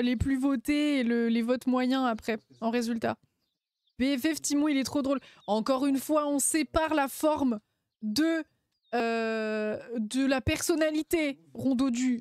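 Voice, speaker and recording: A woman's voice: high-pitched, a little mellow, dry recording. A woman streamer chatting casually and playfully, laughing often and using lots of slang. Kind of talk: casual live-stream chat.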